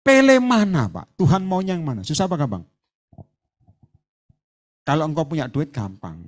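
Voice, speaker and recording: Animated preacher man. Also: fairly high pitch, moderate pace. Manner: animated, acts out both sides of conversations; mixes Javanese words into his talk. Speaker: evangelist preacher. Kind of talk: sermon. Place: church hall.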